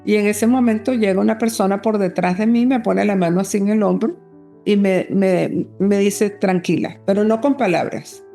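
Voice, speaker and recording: An earnest woman speaks as an interview guest, telling her story with feeling. Her voice is mellow and warm at a mid pitch, and she often slips into the remembered words of others as she goes. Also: steady tone, normal speed, faint music behind. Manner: earnest and emotional, reenacting remembered dialogue. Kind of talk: personal testimony in an interview.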